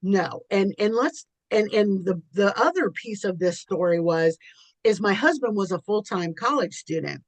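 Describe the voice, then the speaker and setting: Woman, podcast co-host, casual chat, candid storytelling, laughs often, medium pitch. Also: lively intonation, normal speed, no room sound, low-quality recording.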